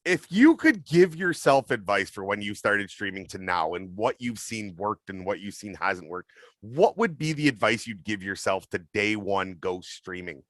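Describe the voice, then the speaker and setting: A man's voice: fairly low pitch, expressive, normal speed, a bit bright, no echo. A man hosting a casual streaming interview, asking long rambling questions in a friendly way. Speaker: podcast host.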